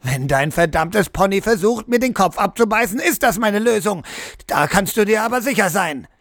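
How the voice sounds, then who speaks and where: A man doing a barking gruff fire captain. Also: sits high, brisk, dry recording, clean studio sound, voice pushed up, close to an everyday voice. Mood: angry. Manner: barking, blunt. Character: gruff aggressive middle-aged firefighter captain.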